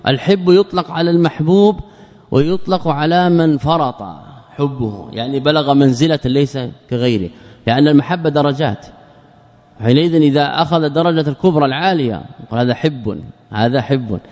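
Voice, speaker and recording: A man delivering a slow, measured religious lecture in a fairly high voice. He lingers on single words, repeats them, and asks his listeners questions he answers himself. The sound rings with the long reverb of a big hall. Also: darkish tone. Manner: measured, drawn-out explanation. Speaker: Islamic scholar teaching a class. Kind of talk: classical Arabic lecture.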